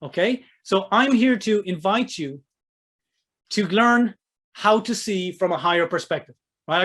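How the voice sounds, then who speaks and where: A man hosting a live online webinar as a business coach, giving an energetic sales pitch and checking in with his audience with "right?" and "okay?".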